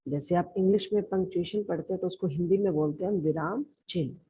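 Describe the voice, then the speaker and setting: A woman schoolteacher with a Haryanvi Hindi accent patiently explains a grammar lesson, affectionately calling her pupils "beta." Her voice is fairly low, mellow, and husky, and she speaks quickly. The recording is lo-fi and narrow-band.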